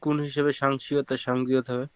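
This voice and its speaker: A man's voice: mid-range voice, level tone, fast, crowd noise. A man in a lesson, informally questioning the teacher about a pronunciation rule, heard from away from the microphone. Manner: asks questions informally, addressing the teacher as brother. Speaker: student.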